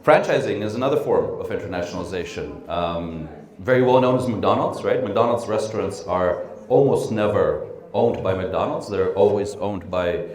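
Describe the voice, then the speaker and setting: A middle-aged man giving a training lecture, relaxed, with frequent ums and tag questions. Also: deep voice, normal speed. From born in Russia, raised in the United States and the Netherlands. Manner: relaxed, frequent ums and uhs, asks "right?" often. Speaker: training speaker. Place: conference room. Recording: echoey room.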